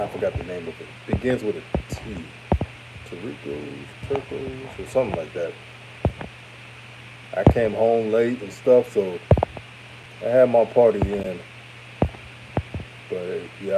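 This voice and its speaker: Over a noisy background, a Houston, Texas sports host of thirty speaks in a fairly low, older-sounding radio voice. He runs a laid-back postgame livestream, conversationally reading viewer comments, responding to them and addressing his audience as family.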